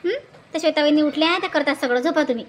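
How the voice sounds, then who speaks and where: A woman's voice: high voice, rapid-fire, lightly acted. A woman playing a bossy village woman who keeps nagging her sister-in-law in a comedy skit. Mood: coaxing. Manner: insistent, scolding, repeats urgings. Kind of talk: comedy sketch acting.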